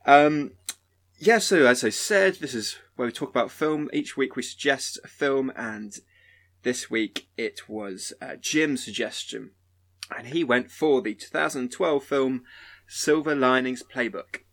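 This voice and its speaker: A man hosting a film podcast in a relaxed, joking way, with frequent fillers and restarts. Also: medium pitch, measured pace. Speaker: podcast host. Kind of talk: casual podcast chat.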